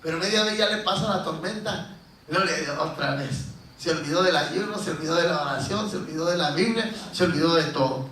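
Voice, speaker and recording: A middle-aged man preaching a sermon as pastor, telling stories in an animated way and acting out pleading voices. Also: on the high side, brisk, a little hiss or hum. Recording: roomy echo from a distance.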